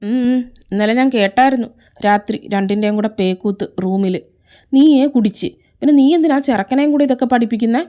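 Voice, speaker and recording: A sharp-tongued mother in middle age, scolding her late-coming son, as a woman reads her in a fan fiction audio story. Her voice stays fairly high with a cutting, blunt manner. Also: brisk, close to an everyday voice.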